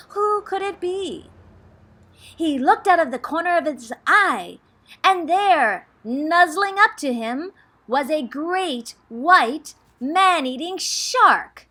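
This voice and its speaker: A drama teacher reads a children's picture book aloud in a high, bright female voice. Her storytelling is theatrical, expressive and animated, with drawn-out suspense, though the recording is noisy.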